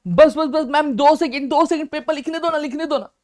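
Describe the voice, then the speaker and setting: Teacher putting on a whiny student begging for a couple more seconds, pitched way up. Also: male voice, a little fast. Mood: pleading. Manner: whiny, pleading. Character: pleading student begging for more exam time.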